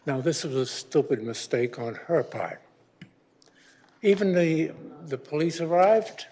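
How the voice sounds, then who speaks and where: A man's voice: a little high, warm tone, slightly rough. A man in his eighties giving a rambling, grumbling public comment at a city council meeting. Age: 80s. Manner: rambling and grumbling, with frequent restarts.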